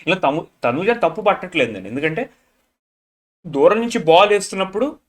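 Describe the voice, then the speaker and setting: Quick guy ranting about a reality show, bit high voice, blunt. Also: lively intonation. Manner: frank, mixes English phrases, mimics people in low mocking voice. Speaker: show reviewer. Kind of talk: casual opinionated review monologue.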